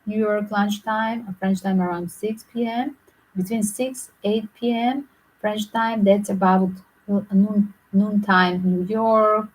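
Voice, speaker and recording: A woman tarot reader talking to her viewers in a loose, rambling way, often filling pauses with "like". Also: medium pitch, fairly even intonation, low-quality recording. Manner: rambling, frequent "like" fillers. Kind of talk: casual speculative monologue to viewers.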